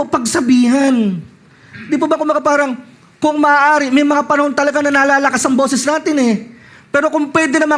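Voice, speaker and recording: Filipino male lay preacher, very high voice, animated sermon delivery with slow scripture readings. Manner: animated, swings from high reading voice to low asides; reads scripture slowly and loudly.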